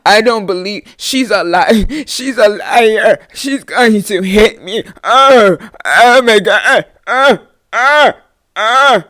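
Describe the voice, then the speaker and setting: A blubbering schoolgirl in full tears, put on by a woman telling the story. She stammers and gasps, her voice pushed up high and loud. It sounds like a theatrical whine. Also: slow pace, dry recording, clean studio sound. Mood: sobbing. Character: sobbing teenage girl accusing a classmate.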